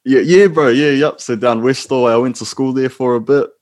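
A former prisoner with a New Zealand accent joins as a guest for casual interview talk, his medium-pitched voice a little fast and slightly mellow. He's laid-back and rambling, calling the host "bro."

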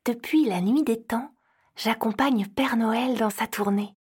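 A woman giving expressive scripted narration for an audio story. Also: fairly high pitch, a little slow, slightly rough.

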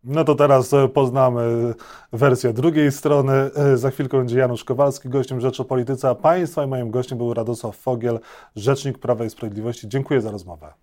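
Mid-pitched male political interviewer, persistent. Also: steady tone, a little fast, darkish tone. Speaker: interview host, journalist.

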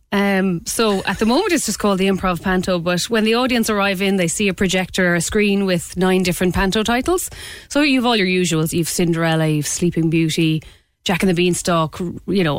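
A woman from County Clare with a west of Ireland accent, chatting casually and colloquially as a guest in a radio interview, animated and self-deprecating. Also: lowish voice, no room sound. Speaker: interview guest, improv performer.

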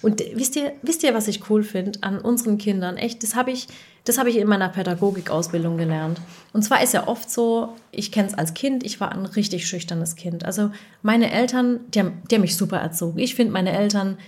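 A woman in her thirties, a dubbing voice actress and mother, chatting casually and telling lively stories with acted-out quotes. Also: medium pitch, brisk. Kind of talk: casual chat.

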